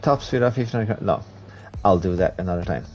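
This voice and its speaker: With faint music behind him, a man talks briskly in a low, slightly mellow voice. He's a Swede, English not his native tongue, who chats with his live stream viewers, reads their comments out and jokes at his own expense while racing.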